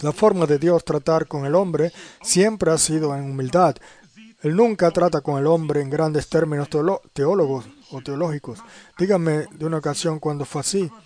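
A man's voice: fairly high pitch, darkish tone. A man preaching a sermon in earnest tones, often putting rhetorical questions to his listeners.

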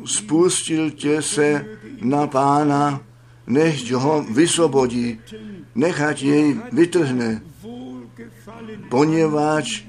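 A man delivers a sermon in an unhurried, measured way. He reads scripture with a solemn weight and then explains it plainly. His voice sits in the middle range. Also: medium pitch, darkish tone. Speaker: preacher.

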